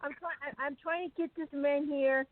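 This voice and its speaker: A woman's voice: high-pitched, steady tone, normal speed, slight background noise. A woman calling into a radio show over a phone line, hesitant and stammering as she asks her question. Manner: hesitant, stammering, fumbles for words. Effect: phone-line call into a radio show. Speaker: caller. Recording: dry tinny phone line.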